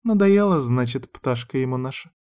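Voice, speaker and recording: A man's voice: medium pitch, lively intonation, moderate pace, darkish tone, smooth, voice pushed up, natural voice. A man voicing a sly young woman in training who gossips and mocks with a sarcastic edge. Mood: teasing. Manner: teasing, sarcastic.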